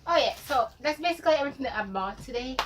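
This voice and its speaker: A woman's voice: sits high, expressive, rapid-fire. Chatty young woman vlogging from her bedroom. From Jamaica. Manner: chatty and rambling, tired. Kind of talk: casual vlog chat. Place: bedroom at home. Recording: distant mic with clear room noise.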